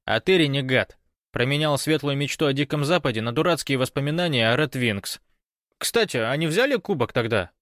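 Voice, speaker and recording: A man's voice: mid-range voice, expressive, brisk, a bit bright, no echo, clean studio sound, pitched above the performer's own voice, lightly acted. A man voicing a gloomy, wry man who speaks in a mournful way. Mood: sardonic.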